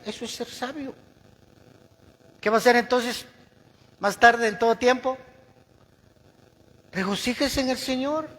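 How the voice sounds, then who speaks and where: A high-voiced man preaches in a big, echoing hall. His voice is slightly husky. He throws questions out to the congregation and draws out the scripture he reads. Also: a bit bright. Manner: preaches with call-and-response questions, slows to read scripture. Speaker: pastor. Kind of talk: sermon.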